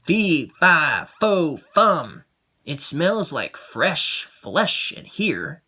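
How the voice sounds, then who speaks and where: A storyteller voicing a huge man-eating giant who chants his lines slowly and heavily. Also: very animated, pushed and bright, husky, heavily acted. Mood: menacing. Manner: slow, heavy, booming chant.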